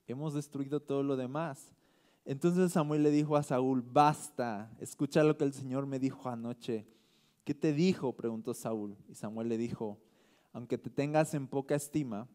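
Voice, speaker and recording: A male pastor with a medium-pitched, warm, clear, resonant voice gives a casual, conversational sermon. He reads scripture aloud and keeps checking in with his listeners.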